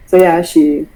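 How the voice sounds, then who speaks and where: A woman's voice: lowish voice, warm tone, low-quality recording. A woman player in a tabletop game, describing her character in a hesitant, filler-heavy way.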